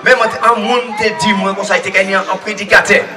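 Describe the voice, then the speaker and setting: A man giving a rambling, lively faith testimony at a church gathering, laughing often as he tells his story. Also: high-pitched, fast talker. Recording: distant mic with crowd noise.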